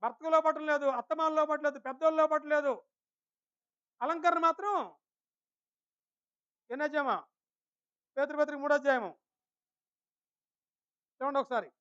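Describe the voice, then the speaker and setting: A male preacher with a notably high voice delivers a Sunday sermon in church and keeps questioning the congregation. His words turn slow and weighty when he reads scripture, and the recording sounds dull and lo-fi. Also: pushed and bright. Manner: questions the congregation and calls on people by name. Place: church service.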